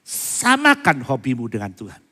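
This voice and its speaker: A pastor preaching a sermon, moving between soft asides and loud, fervent appeals and asking the congregation questions. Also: male voice, medium pitch, huge pitch swings, normal speed. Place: church. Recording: reverberant church hall.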